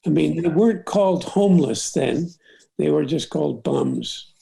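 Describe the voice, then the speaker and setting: An older man talks through his memories as a photographer in an unhurried, reflective way, pausing on fillers and restarting his sentences. His voice is gravelly with a mellow, dark tone. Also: fairly high pitch, animated. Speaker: documentary photographer. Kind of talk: reflective storytelling interview.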